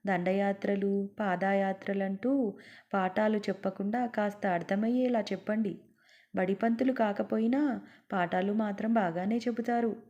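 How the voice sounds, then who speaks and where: A woman voicing a sharp-tongued, anxious middle-aged wife who nags and mocks her husband in a storybook reading. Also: medium pitch, fairly even intonation, measured pace, muffled recording, close to an everyday voice. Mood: sarcastic scolding. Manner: sarcastic, nagging.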